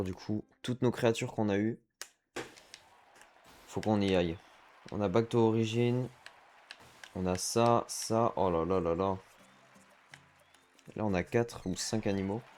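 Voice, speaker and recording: A man's voice: on the low side, a little mellow. A man giving chatty let's-play commentary as a gaming streamer, reacting aloud to the game and dropping English slang.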